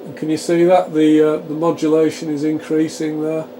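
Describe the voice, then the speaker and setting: In a small home electronics workshop, the presenter of a radio repair channel narrates an informal technical demonstration live, thinking aloud and explaining each step as he works. His voice is fairly high and moderately paced, and the rough recording carries a steady hum from the test equipment's cooling fans.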